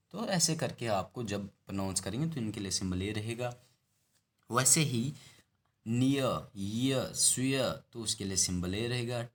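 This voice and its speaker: Low-voiced man teaching phonetics. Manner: explains slowly, repeats and stretches example words. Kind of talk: phonetics lesson.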